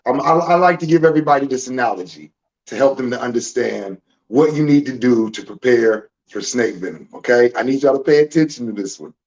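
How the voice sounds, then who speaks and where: A man's voice: medium pitch, animated, a little fast, lo-fi sound. A man, born in Germany, explaining venom medicine in a laid-back, casual livestream chat, using vivid analogies.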